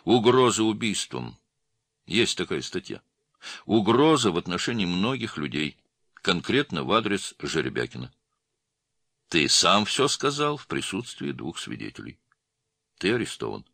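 A man voicing a calm, measured male police lieutenant colonel in a story reading. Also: low voice, creaky, dry recording, studio quality, voice pushed up, heavily acted.

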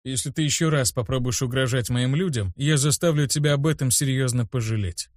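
A wary young gang leader, protective of his people, as a male narrator reads him. He speaks low and suspiciously. The recording is close and dry. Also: a little fast, dry recording, lightly acted.

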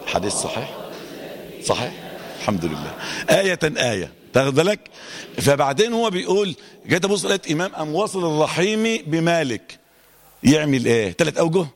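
A middle-aged man with an Egyptian accent teaching Quran recitation to a class in a lively, joking manner, stretching out letters slowly to demonstrate them. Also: mid-range voice. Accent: Egyptian Arabic. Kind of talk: live tajweed lesson to a class.

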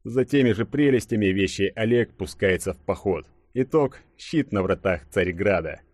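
Brief: male audiobook narrator, low voice, dramatic measured delivery, dry close sound. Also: expressive, a little mellow, no echo.

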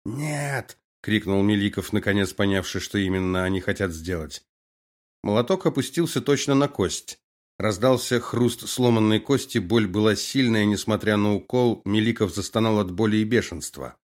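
Audiobook: male narrator, low voice, measured, even reading. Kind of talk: scripted narration.

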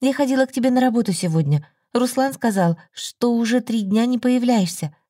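A woman voicing an anxious, caring young female friend in an audiobook, her voice raised high. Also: lively intonation, mellow, no echo, clean studio sound. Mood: worried. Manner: anxious, fast-talking, high-pitched. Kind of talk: audiobook story reading.

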